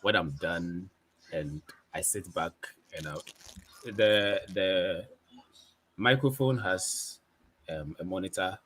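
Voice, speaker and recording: A deep-voiced male photographer and video creator chats casually on a live video call from his home studio with a ring light. He's relaxed and easygoing, but his talk is halting and stop-start with many restarts. His USB desk microphone picks up a little hiss or hum.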